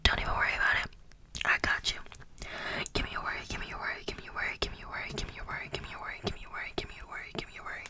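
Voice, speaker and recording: A young woman in a breathy, soothing whispered role-play, very close to the microphone, repeating phrases with tingly ASMR mouth sounds. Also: very fast, sharp tone. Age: young adult. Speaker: ASMR creator. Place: small room indoors. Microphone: close desktop condenser microphone.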